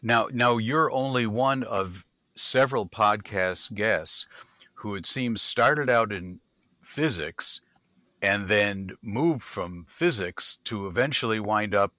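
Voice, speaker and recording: A male podcast host introduces a guest and steers the interview, listening closely and keeping it moving with brief questions and mm-hmms. His fairly low voice has a bright edge, sounding close and dry with no echo, and he takes his time.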